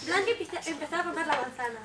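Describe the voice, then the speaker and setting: A woman's voice: high-pitched, animated, fast, background noise. A young woman narrating a scripted fairy tale for a school stage play. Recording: echoey stage, far mic, loud audience.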